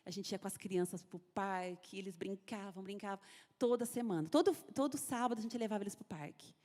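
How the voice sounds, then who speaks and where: A woman's voice: mid-range voice, a little fast, darkish tone. A Brazilian woman giving an earnest, emotional personal testimony at a women's church service, repeating phrases as she tells her story. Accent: Brazilian Portuguese. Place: church sanctuary. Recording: echoey church hall.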